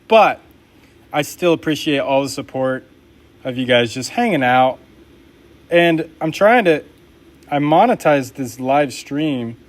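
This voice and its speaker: A young man making knives and chatting casually with his live-stream viewers while he works, upbeat and laid-back. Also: fairly high pitch. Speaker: knife maker live-streaming his work.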